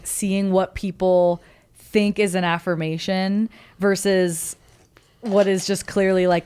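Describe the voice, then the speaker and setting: A woman's voice: fairly low pitch, a little mellow. Bubbly young woman hosting a podcast. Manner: bubbly and giggly, with frequent fillers. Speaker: podcast host. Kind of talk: casual podcast interview.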